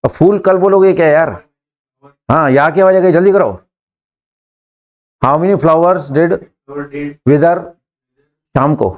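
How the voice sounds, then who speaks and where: A man's voice: on the high side, slow pace, pauses often. A man with an Indian accent teaching an English class live, repeating prompts and urging his students to hurry and answer.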